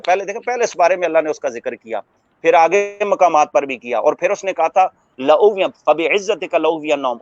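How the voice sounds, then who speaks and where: A man delivers a religious talk as a scholar, speaking in a measured preaching manner and breaking into recited Arabic verses. His voice sits fairly high for a man. The sound is dry and muffled, like an old radio broadcast. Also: no echo. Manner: measured preaching, quoting Arabic verses and explaining with everyday examples.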